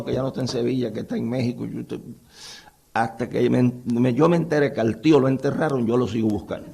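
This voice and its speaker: Gravelly-voiced man giving a Bible lecture. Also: medium pitch, dark tone. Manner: conversational, addresses listeners with rhetorical questions. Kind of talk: doctrinal lecture to a live audience.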